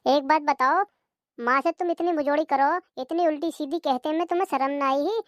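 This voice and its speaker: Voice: sits high, steady tone, fairly bright tone, no room sound, studio quality. A voice actor doing a scolding cartoon daughter. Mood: indignant. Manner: brisk, scolding and protective. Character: indignant grown daughter visiting her mother. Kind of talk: cartoon comedy voice acting.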